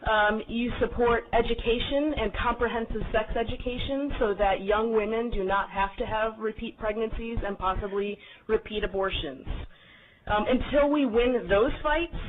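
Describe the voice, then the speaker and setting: A woman, a single mother, giving firm and indignant public testimony, with frequent "um"s. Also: medium pitch. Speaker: citizen testifying. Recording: phone-like with faint hiss.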